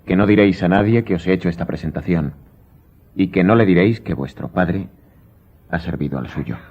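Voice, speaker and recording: A man playing a mysterious, wealthy count in a radio drama, husky-voiced, measured and self-assured. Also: low-pitched, dull audio. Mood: composed, enigmatic. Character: mysterious, wealthy count, composed, cryptic and commanding. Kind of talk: Spanish-language radio drama acting.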